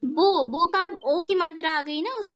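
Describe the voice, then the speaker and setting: A woman teaching an online class over a breaking-up call connection. She explains slowly and repeats herself, often asking if students follow. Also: very high voice, fairly bright tone, dry recording. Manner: slow, repetitive explaining, asks checking questions. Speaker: English teacher. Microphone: video call. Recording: muffled, dry online call audio.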